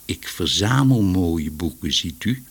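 A man voicing a shy elderly male book collector who speaks softly and apologetically. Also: deep voice, lively intonation, measured pace, husky, exaggerated voice. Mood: pleading. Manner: soft, apologetic, mumbling.

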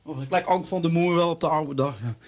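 High-voiced giggly theatrical Dutch man. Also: quick pace, a little mellow. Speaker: interviewee. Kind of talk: radio interview.

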